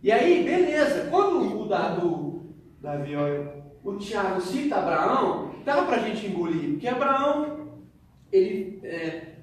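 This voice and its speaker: A man with a Brazilian Portuguese accent preaching a lively sermon, retelling the story with acted-out dialogue and laughing as he talks. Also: high voice, a little slow, slight background noise. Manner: animated storytelling, laughs while telling. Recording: echoey hall, voice from far off.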